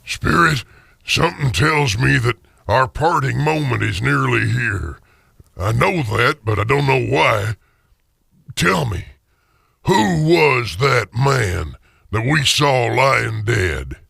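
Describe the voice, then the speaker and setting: A man's voice: medium pitch, expressive, takes it slowly, creaky, pushed and bright, husky, no room sound, studio quality, exaggerated voice. A man playing Scrooge, an overwrought old miser, in emphatic radio theater style. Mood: grave dread. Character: old miser Scrooge, pleading in terror, then giddily repentant.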